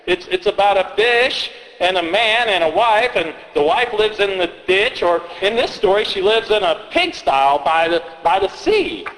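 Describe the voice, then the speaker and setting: A man's voice: sits high, fairly bright tone, in a large hall, low-quality recording. A man telling and reading folk tales aloud in a rambling, hesitant way, often restarting his sentences. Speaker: storyteller.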